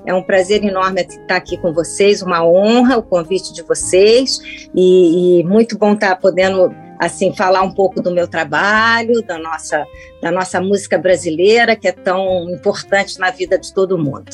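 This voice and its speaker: A woman's voice: lowish voice, moderate pace, soft background music. A woman from Brazil, a musician guest on a radio interview, talking about her work in a chatty way with plenty of restarts and fillers. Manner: warm, rambling, with many restarts.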